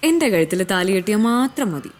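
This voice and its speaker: An actress playing a young bride who rushes through breathless, pleading explanations to her parents in a film comedy. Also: mid-range voice, big pitch swings, natural voice. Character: young bride back from the temple. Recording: film scene with faint music.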